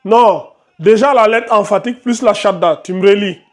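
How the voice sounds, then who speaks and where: Recitation teacher, patient, questioning pupils one by one, mid-pitched voice. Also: moderate pace. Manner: patient, repeatedly questions and corrects students by name. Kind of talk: class lesson with students.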